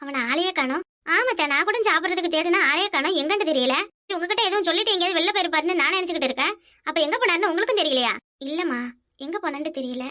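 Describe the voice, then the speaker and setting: Fast high-pitched woman voicing a cartoon. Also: bright, forceful tone. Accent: Kanyakumari Tamil. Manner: quick, bickering village chatter. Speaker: voice artist for a family cartoon. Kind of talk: animated village cartoon dialogue.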